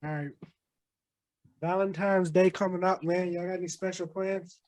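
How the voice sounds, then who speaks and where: A man with a notably high voice hosts a relaxed podcast chat. He teases his friends and laughs easily between questions. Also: moderate pace. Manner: laughs a lot, teasing. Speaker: podcast host. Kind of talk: casual chat.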